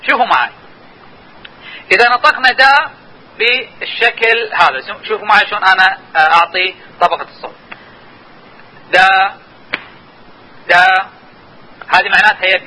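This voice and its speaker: A man's voice: high voice, animated, fast, long pauses, bright, forceful tone, low-quality recording. A man giving a linguistics lesson, explaining patiently and telling listeners to watch and notice. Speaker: linguistics lecturer. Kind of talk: classroom lecture.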